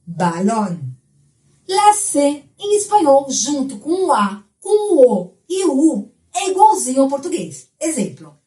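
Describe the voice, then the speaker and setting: A woman who is a Spanish teacher, explaining a language lesson in a clear, explanatory way. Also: sits high, very animated, measured pace, few pauses, dark tone, echoey room.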